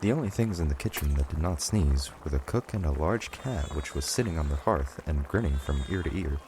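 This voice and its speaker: Super deep guy narrating a kids audiobook, scripted read, noisy background. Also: lively intonation, a little fast.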